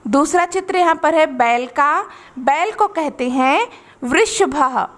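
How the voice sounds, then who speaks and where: A woman's voice: high voice, animated, fairly bright tone. A woman tutor, explaining a lesson and carefully pronouncing words one by one. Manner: slow, careful word-by-word pronunciation drills.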